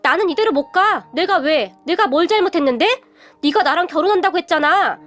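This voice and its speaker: A brazen young woman in a radio story, defiant and insistent, her voice pitched up high and shrill, as a female narrator plays her. Soft music runs underneath. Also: animated, a little fast. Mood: desperate. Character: brazen scheming young woman, son's girlfriend.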